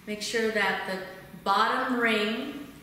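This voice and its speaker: A woman in her thirties leads a home exercise lesson, calmly cueing each breath and movement. Her voice is bright and fairly high. She is recorded from a distance, so the tiled room echoes around her with a long tail. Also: slow, slight background noise. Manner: calm step-by-step cueing of breath and form. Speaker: fitness instructor. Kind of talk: instructional exercise demonstration.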